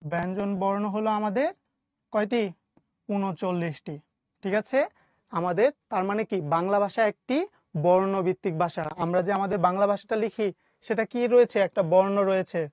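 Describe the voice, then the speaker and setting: A woman's voice: mid-range voice, normal speed, a little mellow, dry recording. A woman teacher giving an online lesson with a Bangladeshi Bengali accent. She keeps asking the class questions and then answers them herself.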